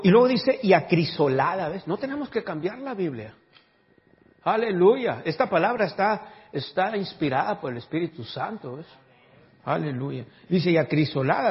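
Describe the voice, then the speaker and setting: Brief: male pastor, emphatic sermon delivery, slightly high voice, long reverb, dull lo-fi sound. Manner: emphatic preaching with call-and-response asides.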